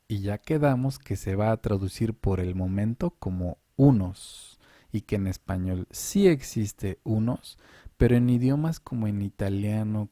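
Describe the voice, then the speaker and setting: Male language teacher, unhurried and mellow, patient step-by-step explainer. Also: mid-range voice, vocal fry, no room sound, studio quality. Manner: patient, explains step by step, asks and answers his own questions. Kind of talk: online language lesson.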